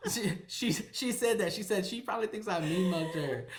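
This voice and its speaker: A man's voice: sits high, a loud crowd. A man who is a pastor, chatting casually on a home vlog, teasing his partner and telling stories with frequent laughter. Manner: playful, teasing, laughs often, drawn-out storytelling. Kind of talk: casual chat.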